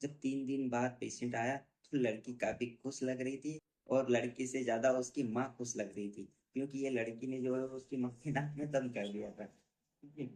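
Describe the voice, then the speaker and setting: A man, a homeopathy doctor, explaining a patient case in a teaching talk and slowly repeating technical terms. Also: mid-range voice, steady tone, a little mellow.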